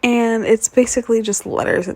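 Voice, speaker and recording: A woman's voice: a little high, little pitch movement, moderate pace, dark tone, no echo. Sleepy rambling woman, whispered role-play. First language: grew up speaking English and Spanish. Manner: sleepy, rambling, casual with many fillers. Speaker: ASMR performer playing a fiancée.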